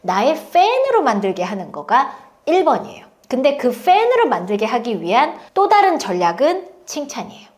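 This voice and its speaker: Tutor type, woman in her thirties; high-ish, very lively delivery, casual and chatty. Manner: animated, acts out quoted students and teachers. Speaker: tutor giving advice. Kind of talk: casual advice talk.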